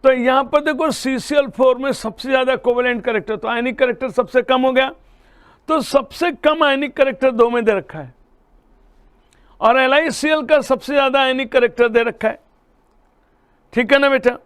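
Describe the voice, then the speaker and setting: High, smooth-voiced man teaching chemistry. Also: normal speed, fairly bright tone. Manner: addresses students as "beta", checks understanding often. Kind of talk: classroom lecture solving problems.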